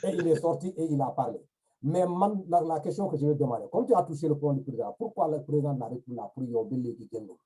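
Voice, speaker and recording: A man's voice: fairly high pitch, expressive, rapid-fire, dark tone, slightly rough, rough recording. A man hosting a talk show who presses his guest with questions. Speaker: host. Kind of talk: casual talk-show conversation.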